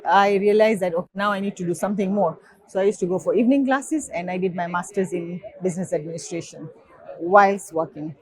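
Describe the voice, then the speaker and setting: A woman's voice: mid-range voice, darkish tone, poor audio. A woman from Kenya, giving a conversational interview with frequent fillers. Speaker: guest.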